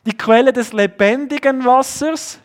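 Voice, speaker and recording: A man preaching a sermon, often dropping to a low hush to stress a point. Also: a little slow. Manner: earnest, drops to a low hush for emphasis.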